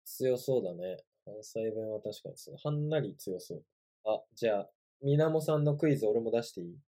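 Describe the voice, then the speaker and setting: A young man co-hosting a casual podcast chat, relaxed, blunt and teasing. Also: on the low side, a little fast. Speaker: podcast co-host.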